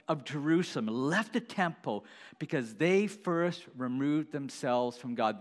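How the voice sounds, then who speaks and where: Male pastor, sermon delivery, animated pitch, chatty, asks the room questions. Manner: conversational, asks the congregation questions, halting restarts.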